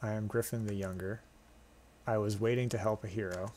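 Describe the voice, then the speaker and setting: A man's voice: lowish voice, fairly even intonation, fairly quick, darkish tone, a little hiss or hum, close to an everyday voice. A man reading a weary young griffin. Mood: subdued.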